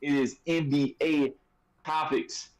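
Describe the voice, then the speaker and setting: A man's voice: a little high, flat delivery, takes it slowly, poor audio. Casual, joking man hosting a sports podcast. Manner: loose and joking, with many fillers and restarts. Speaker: podcast host.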